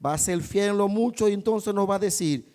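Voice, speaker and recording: A male pastor preaching a sermon, telling a story in an animated way with big swings in pitch and loudness. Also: a little fast.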